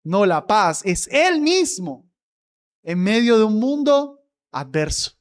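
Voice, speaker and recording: Slow, emphatic male pastor preaching. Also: high-pitched, sing-song. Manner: emphatic, stretches key words, repeats for emphasis. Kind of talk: sermon.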